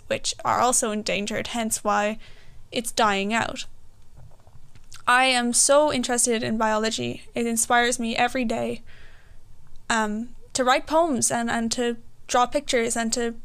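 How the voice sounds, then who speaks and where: Reciting her own poems and talking about them, this nineteen-year-old woman from Galway has a west of Ireland accent and introduces herself. She speaks a little slowly, on the high side, with fairly even intonation and a creaky yet clean, fairly bright tone.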